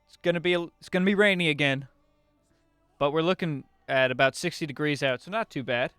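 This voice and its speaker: Playful, halting young man co-hosting radio. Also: on the high side, fairly bright tone, clean tone, no echo, clean studio sound, soft background music. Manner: playful, halting with many fillers and restarts. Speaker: radio show co-host. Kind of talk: comedic radio talk show.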